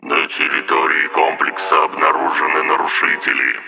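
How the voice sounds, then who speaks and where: A man's voice: extremely low pitch, completely flat delivery, moderate pace, big-room sound, highs cut off, over music. A man reading an audiobook, voicing a cold guard machine whose metallic voice comes through a monitor speaker, giving formal, clipped warnings.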